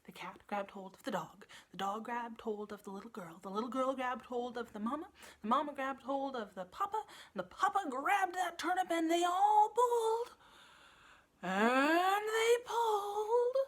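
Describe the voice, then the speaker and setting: Reading a children's story aloud, a female librarian brings it to life with animated emphasis and dramatic repetition. She has a high voice and a normal pace.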